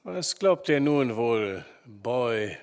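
A man voicing a calm, measured frontier hero who speaks with quiet authority, in a story reading with a long hall reverb. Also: mid-range voice, heavily acted. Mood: lecturing.

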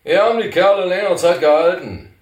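A man voicing a brash frontiersman who talks in a loud, emphatic way, in a storybook reading. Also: high voice, fairly quick, voice pushed up, close to an everyday voice. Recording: roomy, distant mic.

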